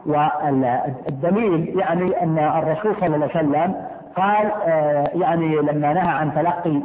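A man's voice: on the high side, a little fast. A man teaching a class, explaining step by step, repeating key points and putting questions to his students. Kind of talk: classroom lesson on law. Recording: echoey room, tinny phone-like sound.

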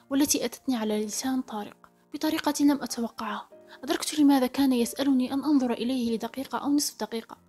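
Fast-reading woman narrator. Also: on the high side, a little mellow, slightly rough. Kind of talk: first-person story reading. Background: faint background music.

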